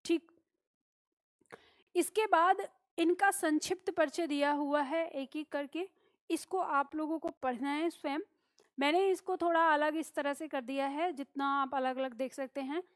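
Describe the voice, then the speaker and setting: Female teacher, high dry voice, patient explanatory lecture delivery. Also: fairly even intonation, measured pace, no echo. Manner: explanatory, repeats key points with "ठीक है?". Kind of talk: classroom lecture.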